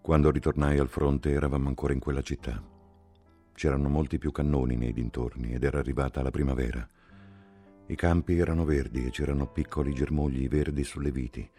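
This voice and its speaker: A man reading a novel aloud in measured, calm audiobook narration. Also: rumbling low, soft background music. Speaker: audiobook reader.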